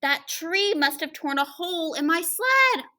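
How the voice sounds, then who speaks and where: A woman voicing a jolly, kindly male Santa in a storybook, loud and emphatic, with exclamations. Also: extremely high pitch, expressive, measured pace, pitched above the performer's own voice, exaggerated voice. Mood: alarmed, commanding.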